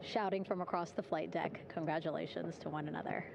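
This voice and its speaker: A woman's voice: sits low, steady tone, a little fast, creaky, background noise. A woman giving live, chatty commentary on an event as it unfolds. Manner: upbeat, chatty, warm-hearted narration with light laughs. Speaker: broadcast commentator.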